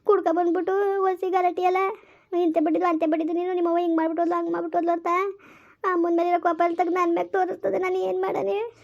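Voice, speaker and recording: Tearful rustic girl voiced by a woman in a village skit, high and creaky, muffled recording. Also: little pitch movement, quick pace, darkish tone. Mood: hurt. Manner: tearful complaining rustic speech. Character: upset young village girl, tearful and aggrieved. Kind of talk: village comedy skit acting. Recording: dull lo-fi recording.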